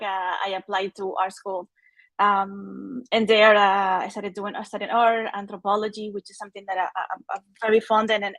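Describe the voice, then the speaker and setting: A woman from Chile, a native Spanish speaker, telling her story as a guest artist over a video call, halting with many fillers and restarts. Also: mid-range voice, fairly bright tone, no echo. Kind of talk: casual personal talk. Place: home studio with art on the walls.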